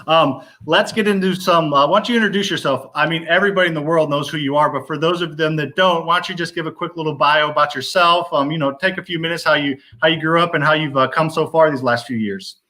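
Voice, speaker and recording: A man's voice: fairly high pitch, pushed and bright. A man hosting a live stream interview in an upbeat, hyped manner. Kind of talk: livestream interview chat.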